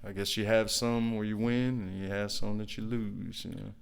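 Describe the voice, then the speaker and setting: A man's voice: fairly low pitch, normal speed, creaky, clean tone. A man talking casually as a guest about his contracting work, rambling with lots of fillers and acting out an angry customer. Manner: relaxed, rambling, lots of "you know" and "like"; acts out an angry customer in quoted bursts. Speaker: guest, brick and mortar contractor. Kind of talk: casual storytelling interview.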